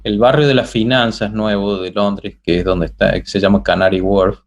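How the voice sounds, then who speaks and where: A man's voice: on the low side, fairly even intonation, normal speed, vocal fry, a little hiss or hum. An Argentine man with an Argentine Spanish accent, a guest chatting casually in an interview, rambling with many fillers and restarts.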